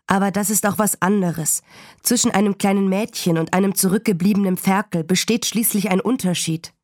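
A woman voicing a farmer father who talks softly, slowly and gently. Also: medium pitch, no room sound, studio quality, natural voice. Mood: gentle. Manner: soft, slow and gentle.

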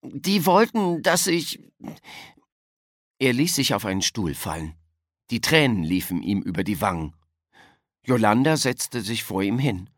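A man reading a children's story aloud as narrator, in an expressive storytelling manner. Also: lowish voice, moderate pace, no room sound, clean studio sound. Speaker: audiobook narrator.

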